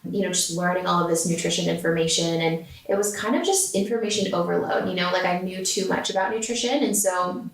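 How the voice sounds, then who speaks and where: This interview guest, a San Diego, California food company founder, talks in a lowish voice at a quick pace with hardly any pauses. Her casual chat is crowded with "um" and "like," and the distant mic gives a roomy sound.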